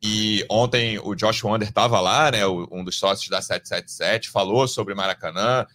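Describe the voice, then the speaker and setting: A man's voice: lowish voice, moderate pace, pushed and bright, a little hiss or hum. Brazilian man talking football, colloquial and emphatic. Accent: Brazilian Portuguese. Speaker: football podcast host. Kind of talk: casual opinionated sports discussion.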